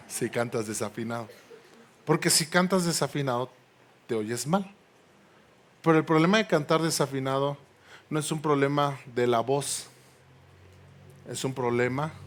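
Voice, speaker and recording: Pastor guy preaching in church, swings loud and soft, asks the crowd to repeat after him, faint hum behind. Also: mid-range voice. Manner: preaching with rising emphatic phrases and call-and-response prompts; playful asides to the congregation. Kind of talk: sermon. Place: church sanctuary.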